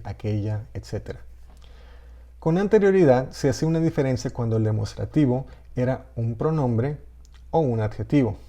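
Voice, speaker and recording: A man's voice: medium pitch, warm tone. A man teaching a pre-recorded spelling and grammar lesson, reading example sentences aloud as he explains. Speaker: writing workshop instructor.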